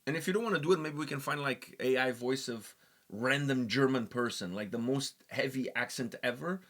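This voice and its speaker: A young man co-hosting a music reaction show, chatting casually and ranting with animated, jokey energy. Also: medium pitch, fairly quick. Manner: rambling, animated, jokey rants. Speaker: reaction channel co-host. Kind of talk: casual chat.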